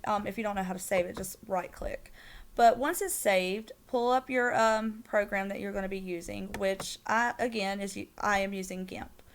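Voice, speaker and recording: A young woman with a strong Southern US accent walks through a software tutorial at her computer. She chats casually, fills pauses with "um", and drops in small apologies as she goes. Her voice sits at an ordinary middle pitch for a woman. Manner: chatty, filler-heavy, apologetic asides. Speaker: tutorial maker. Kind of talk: casual screen-recorded tutorial.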